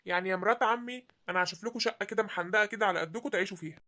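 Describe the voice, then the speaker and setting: A woman voicing a scheming, greedy young man with an Egyptian accent, curt and commanding, in an animated drama. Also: mid-range voice, racing, lightly acted. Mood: smug.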